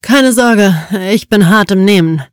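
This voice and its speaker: Audiobook figure: defiant young man, mocking and unhurried, read by a woman. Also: mid-range voice, clear, resonant tone, dry recording, close to an everyday voice. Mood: wry. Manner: dry mocking quips, slow and drawn out.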